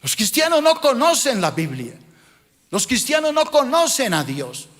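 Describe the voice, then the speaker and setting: A man's voice: extremely high pitch, wildly swooping pitch, measured pace, a bit bright, big-room sound. A male pastor preaching a sermon, scolding and questioning his congregation in a rhetorical style.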